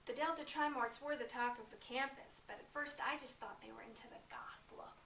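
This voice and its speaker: A woman's voice: sits high, fairly quick, gravelly, sharp tone, exaggerated voice. A woman playing the human wife of a zombie in a mockumentary interview, chatty with dry asides. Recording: echoey room, mic from a distance, faint noise.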